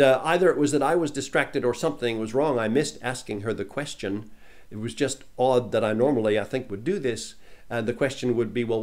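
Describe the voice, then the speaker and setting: A man giving a Bible teaching in an earnest manner, repeating key lines for emphasis, and he slows down and swells when reading scripture aloud. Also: mid-range voice.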